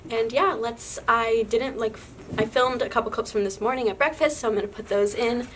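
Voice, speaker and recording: A woman's voice: a little high, steady tone, a little fast, a little hiss or hum. A young woman vlogging in a casual, chatty way, rambling with fillers and restarts. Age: young adult. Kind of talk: casual vlog chat.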